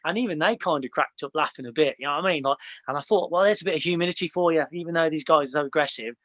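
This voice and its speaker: Casting: young English ex-soldier man, rapid rambling storyteller, fairly high voice, very dry sound. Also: a bit bright, no echo, poor audio. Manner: rambling, many fillers and restarts. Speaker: podcast host, ex-soldier. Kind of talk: casual storytelling chat.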